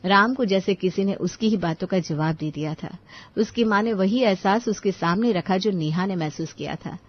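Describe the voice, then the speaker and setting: A woman narrating a scripted family story in a steady, expressive storytelling voice. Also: medium pitch, normal speed, muffled recording.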